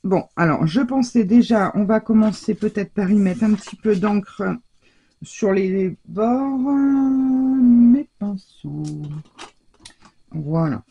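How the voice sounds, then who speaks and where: A woman hosting a casual crafting tutorial, chatting warmly to her viewers with many fillers and self-corrections. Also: mid-range voice, expressive, takes it slowly, breathy edge. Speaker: crafting channel host.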